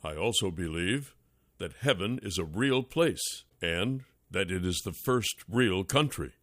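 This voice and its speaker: A man narrating a nonfiction audiobook in a measured, deliberate reading style. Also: low-pitched, expressive, a bit bright, dry recording, clean studio sound.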